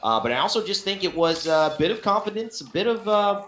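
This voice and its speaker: Male esports caster, analytical live commentary, roomy sound, clear background noise. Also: sits high, expressive, fairly quick.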